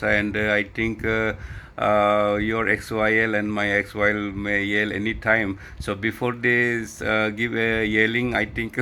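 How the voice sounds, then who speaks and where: A man with an Indian accent and a lowish, sharp-toned voice chats casually over ham radio. He sounds hesitant and frequently repeats his words.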